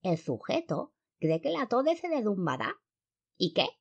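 A woman voicing giddy, mocking clown-like moth creatures in shrill, high shouts. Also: huge pitch swings, a little slow, creaky, husky, highs cut off, heavily acted.

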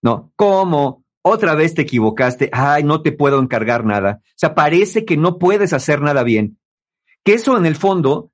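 Lively man explaining to listeners. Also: fairly high pitch, breathy edge. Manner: lively, acts out quoted people in mocking voices. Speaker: host giving relationship advice.

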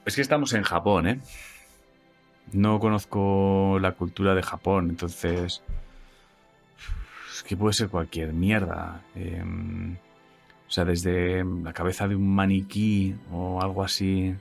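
Podcast co-host, deep gravelly voice, easygoing and musing, faint music behind. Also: male voice, steady tone, takes it slowly. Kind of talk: casual chat.

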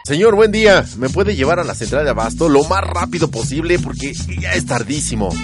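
Man playing young male slacker, Mexican accent, flustered, evasive, stammering, swooping highish pitch, comic radio drama. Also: lively intonation, brisk, over loud music, lightly acted.

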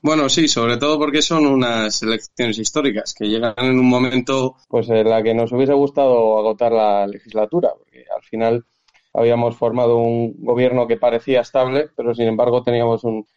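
A man from Castile and León, a political candidate, speaking in a phone interview heard over a telephone line, measured and leaning on fillers and restarts. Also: medium pitch, flat delivery, darkish tone, smooth. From Castile and León, Spain.

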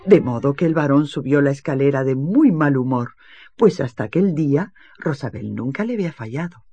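A storyteller giving an expressive reading of a children's fairy tale. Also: mid-range voice, moderate pace, slightly rough, no room sound, dull audio. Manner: expressive, lively. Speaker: narrator. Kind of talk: storybook narration.

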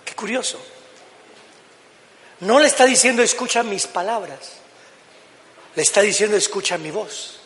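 An older man preaching a sermon as pastor, dramatic, dropping to low murmurs and rising to shouts. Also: lively intonation, normal speed, long pauses. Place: church hall. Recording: reverberant church hall, faint ambience.

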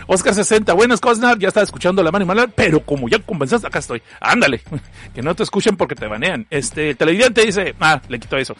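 A man's voice: high voice, animated, quick pace, fairly bright tone, slightly rough. A man from Mexicali with a northern Mexican accent, hosting a livestream and reading out chat messages in a joking, slangy way that is full of laughs. He has a cough. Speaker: livestream host.

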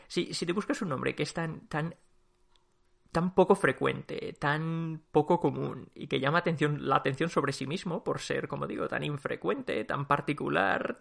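A man with a Spain Spanish accent giving a spoken book review in an animated, fussy way, often restarting his sentences. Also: fairly high pitch, creaky.

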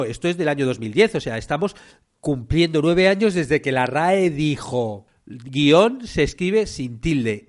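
A man hosting a casual solo podcast, rambling and repeating words, filling gaps with eh and ¿no?. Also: a little high. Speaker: podcast host.

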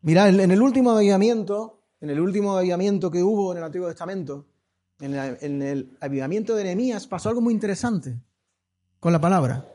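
Man, pastor, fairly high voice, sermon in church, drops low then surges loud, repeats phrases. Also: quick pace. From Spain. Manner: preaching with dramatic swings between hushed and loud; repeats key phrases for emphasis.

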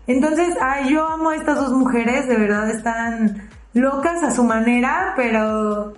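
A woman's voice: high-pitched, measured pace, roomy sound, low-quality recording. A young woman, co-hosting a podcast and speaking in a sentimental, heartfelt way. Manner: sentimental and warm-hearted, sighs "ay". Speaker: podcast co-host. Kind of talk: casual chat.

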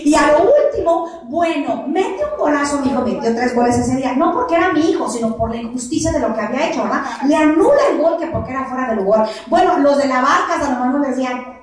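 A woman with a Mexican accent, a lay preacher giving an animated, joking retreat talk and telling stories straight to her audience. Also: high voice, quick pace, crowd noise. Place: large hall at a church center. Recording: echoey hall from far off.

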